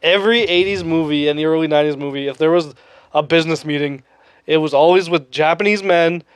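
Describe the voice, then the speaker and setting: A man co-hosting a podcast, talking fast in casual chat and acting out quotes in high voices. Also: clear, resonant tone, no echo. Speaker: podcast co-host.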